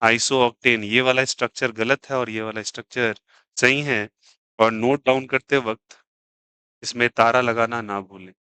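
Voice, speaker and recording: Bright-voiced teasing chemistry teacher. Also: male voice, mid-range voice, steady tone, moderate pace, clean tone, rough recording. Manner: teasing, jokey, asks students to answer. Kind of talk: lively classroom lecture.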